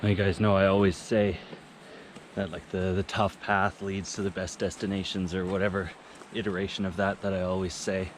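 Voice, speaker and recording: A man's voice: deep voice, little pitch movement. Breathless man vlogging on a trail. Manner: chatty, laid-back, self-mocking. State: out of breath while climbing. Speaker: travel vlogger. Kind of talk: casual vlog talk to camera. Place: outdoors on a mountain trail near a waterfall. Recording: loud rushing waterfall noise outdoors.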